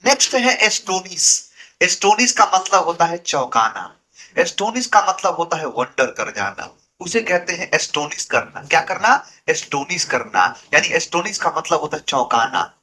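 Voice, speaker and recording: A young man teaching vocabulary in a lively, playful way, acting out funny household scenes. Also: fairly high pitch, moderate pace. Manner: animated, playful, acts out funny family scenes. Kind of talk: Hindi-medium vocabulary lesson with acted skits.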